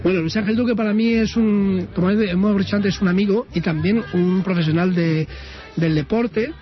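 A man hosting a local radio interview, talking in a halting way with many pauses. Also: high-pitched. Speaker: radio host. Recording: muffled radio broadcast.

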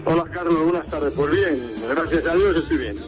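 A man in his fifties with a Madrid Spanish accent talks as a guest on a radio show. His voice sits a little high, and he chats in a relaxed, storytelling way. The sound is dull and muffled, like a radio broadcast. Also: moderate pace, over music. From Madrid, Spain. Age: 50s. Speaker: football sports director, interview guest. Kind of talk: radio interview conversation.

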